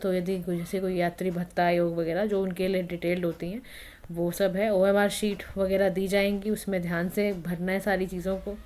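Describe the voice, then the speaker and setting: A woman's voice: on the low side, little pitch movement, moderate pace, darkish tone. A woman hosting an exam-prep channel, explaining instructions in a chatty, informal way. She talks straight to her viewers, keeps checking that they follow, and mixes English words into her speech. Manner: chatty, addresses viewers directly with frequent checks like "theek hai na".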